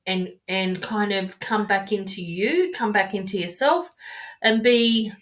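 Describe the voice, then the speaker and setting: Woman doing tarot readings on a livestream, chatty and rambly, calls people my love, mid pitch. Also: unhurried, a bit bright. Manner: chatty, affectionate, rambling with restarts. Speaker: tarot reader on a live stream. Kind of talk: casual live-stream tarot reading. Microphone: webcam or phone mic on a live stream.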